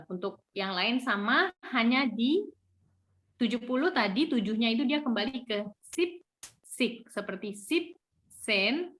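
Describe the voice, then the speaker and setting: A woman's voice: a little high, fairly bright tone. Patient woman teaching German pronunciation. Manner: patient, corrects pronunciation step by step. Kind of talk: live online language lesson.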